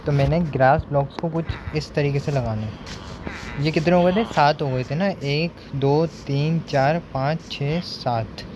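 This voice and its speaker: A young man gives relaxed, chatty commentary while he builds in a game. He counts blocks under his breath and slips English words into his sentences, with a steady hum of noise behind him. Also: fairly high pitch, measured pace. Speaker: gaming streamer. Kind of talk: casual gameplay commentary. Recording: noticeable background noise.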